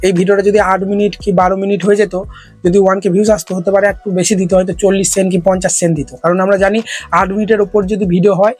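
A man's voice: high-pitched, flat delivery, rapid-fire, darkish tone, soft background music. A man narrating a screen-recorded tech tutorial, chatty and checking in with the viewer. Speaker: tech YouTuber.

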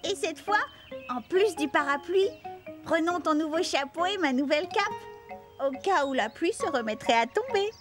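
A woman voicing a cheerful, eager little girl rabbit in a storybook cartoon, with a bright childlike chirp. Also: very high-pitched, lively intonation, normal speed, over music, voice pushed up. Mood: chirpy.

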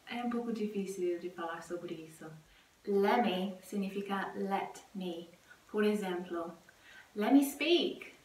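A woman English teacher giving a casual video lesson, explaining clearly and friendly with example phrases. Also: mid-range voice, fairly bright tone, recorded from a distance, slight background noise. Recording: roomy sound, slightly off mic.

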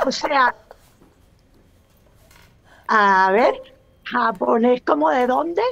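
A woman's voice: on the high side, lively intonation, drawn-out words, gravelly, fairly bright tone, dry recording, highs cut off. A Venezuelan woman in her sixties, a guest speaking on a video call, thoughtful and hesitant with many restarts. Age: 60s. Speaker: guest, actress. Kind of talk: casual interview chat.

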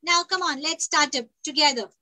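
High, bright woman chanting verses slowly. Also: low-quality recording. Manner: slow, deliberate line-by-line chanting, half sung. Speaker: teacher leading children in verse recitation. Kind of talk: online chanting lesson, call and repeat.

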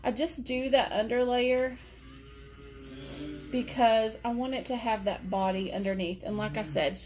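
A woman's voice: on the high side, steady tone, unhurried, darkish tone, faint music behind. A middle-aged woman, chatting casually and laughing often while she curls her hair in her home office. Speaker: hair tutorial vlogger. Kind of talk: casual live chat while styling hair.

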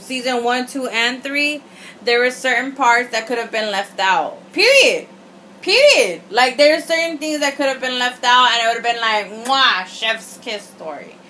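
Sitting high, bright, and pushed, a young woman's voice carries a tipsy, rambling, opinionated video review with heavy swearing and slang, her English sprinkled with Spanish. The setting is a small indoor room at home, and faint room noise comes through.

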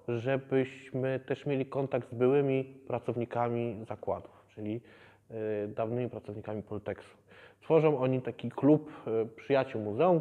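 A man in his thirties, a museum educator, explaining the exhibition in a measured way with many hesitations. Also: mid-range voice, warm tone, long reverb tail, dull audio. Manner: measured, with frequent hesitation fillers. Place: museum exhibition hall, indoors.

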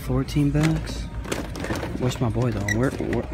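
A man's voice: mid-range voice, takes it slowly, over loud music. A man vlogging a toy hunt in a large store, muttering to himself as he browses the shelves and dropping Spanish exclamations. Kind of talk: casual vlog commentary. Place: large retail store, indoors.

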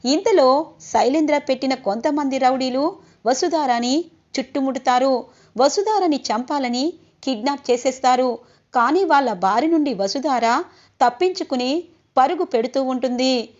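A woman's voice: high voice, normal speed, a little mellow. A woman narrating a story in a casual, earnest way, adding a little commentary. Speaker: storyteller recapping a TV serial. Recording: slightly dull lo-fi audio.

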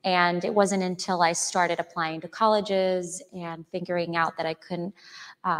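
A woman's voice: lowish voice, a bit bright. Reflective woman from Chile in a hall. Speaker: author guest. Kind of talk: onstage interview conversation. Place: auditorium stage before an audience. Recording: hall with long reverb.

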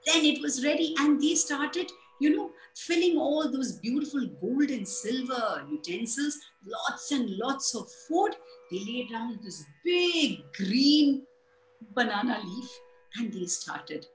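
A woman storyteller telling a folktale in an animated way, chanting sound effects along the way. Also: high voice, slow pace, roomy sound, slight background noise, low-quality recording.

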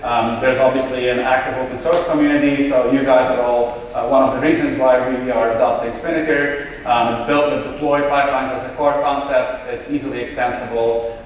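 A man's voice: medium pitch, distant mic, a little hiss or hum. Man speaking in a big echoey hall. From Belgium. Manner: casual, frequent ums and uhs. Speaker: conference keynote speaker. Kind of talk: conference talk. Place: large hotel conference hall on stage. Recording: echoey hall, miked from afar.

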